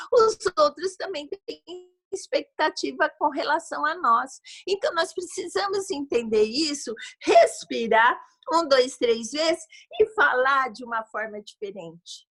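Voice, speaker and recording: A Brazilian Portuguese-accented woman giving advice as a guest expert over a video call, lively and speaking straight to her audience. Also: sits high. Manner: lively, addresses the audience directly and often. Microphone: video call microphone.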